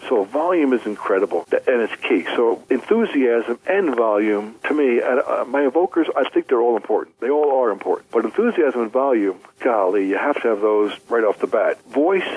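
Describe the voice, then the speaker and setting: A man's voice: medium pitch, animated, normal speed, few pauses, a little mellow, slightly rough, low-quality recording. A man, a public speaking coach, explaining his points in an earnest, instructive interview answer.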